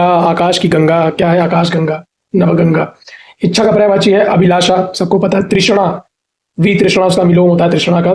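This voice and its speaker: A man teaching a Hindi exam-prep class, asking a question and then answering it himself, repeating each answer and spelling words out slowly. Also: sits high, a little mellow. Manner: drops "theek hai" checks between points.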